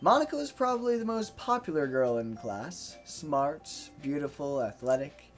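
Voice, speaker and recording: A woman's voice: low voice, expressive, normal speed, soft background music. A woman streamer reading a visual novel aloud, with playful, wry asides.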